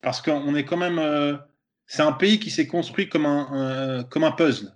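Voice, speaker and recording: A man's voice: on the high side, a little slow, dull audio. A man from Switzerland with a Swiss French accent, a comedian guest chatting casually on a podcast, hesitant and repeating words often.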